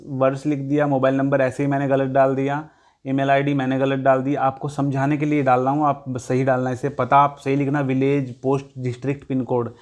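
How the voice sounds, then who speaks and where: A man talks students through an online form in a casual tutorial. He keeps a fairly level, even tone with little rise and fall, pausing to hesitate now and then. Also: mid-range voice. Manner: plain explanatory talk with hesitations, addresses students directly. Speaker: tutorial presenter. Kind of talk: casual screen-recorded walkthrough.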